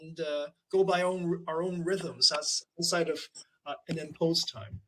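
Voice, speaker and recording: A Canadian artist is interviewed about his work in a conversational way, reflecting thoughtfully with many fillers and restarts. His voice is fairly high and evenly intoned, and he speaks unhurriedly. The recording is rough, with slight background noise.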